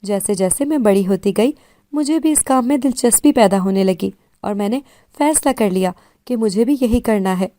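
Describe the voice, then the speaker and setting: A woman voicing a confident fifteen-year-old girl who runs a clinic, explaining herself calmly in a storybook reading. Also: mid-range voice, no room sound, clean studio sound, lightly acted. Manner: calm and self-assured, explaining.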